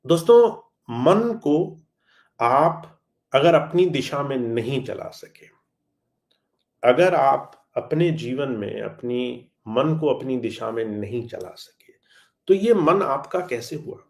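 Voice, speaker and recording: A man's voice: mid-range voice, expressive, slow, creaky. A man giving a live spiritual talk, answering listeners' questions in an earnest, friendly way and slipping in English phrases. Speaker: spiritual teacher.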